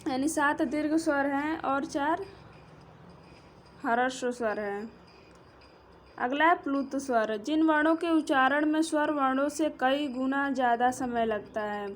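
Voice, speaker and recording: A woman teacher giving a grammar lesson, explaining slowly and counting out letters one by one. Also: high voice, a little hiss or hum. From India. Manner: slow, drawn-out, explanatory, counting letters aloud.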